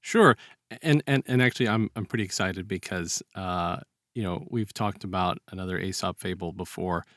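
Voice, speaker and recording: A podcast co-host with a low, slightly bright voice chats and tells stories at a normal pace, rambling and colloquial, acting out short quotes. The recording is dry, with clean studio sound.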